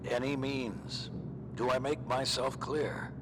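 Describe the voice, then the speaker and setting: An actor playing a stern, commanding older master in a video game, measured and imperious. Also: male voice, mid-range voice, level tone, background noise, close to an everyday voice. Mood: cold, commanding. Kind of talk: video game character acting. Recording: music behind the voice.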